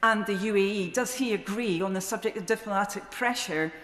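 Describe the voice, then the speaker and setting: A woman's voice: medium pitch, fairly quick, fairly bright tone. A woman speaking formally as a member of parliament in a debate. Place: large indoor debating chamber. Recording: echoey chamber with long reverb.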